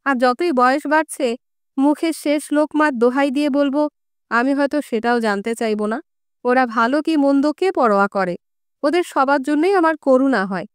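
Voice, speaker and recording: A woman's voice: high-pitched, moderate pace, dry recording, clean studio sound, natural voice. A woman voicing a coarse, brooding old Greek man who speaks in crude colloquial talk full of curses, in an audiobook reading.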